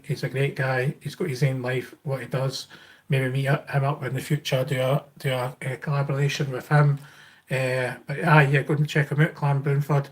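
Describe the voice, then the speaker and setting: A man with a Scottish accent chatting casually and informally as a livestream host, rambling as he answers viewers. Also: mid-range voice. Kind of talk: casual live Q&A chat, reading and answering viewer comments.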